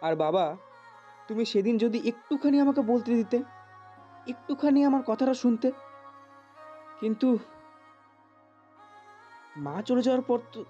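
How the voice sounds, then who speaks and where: A man's voice: high-pitched, mellow, dull audio. A young actor playing a teenage boy pleading tearfully with his father. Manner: pleading, choked with tears. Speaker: son. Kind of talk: film drama acting.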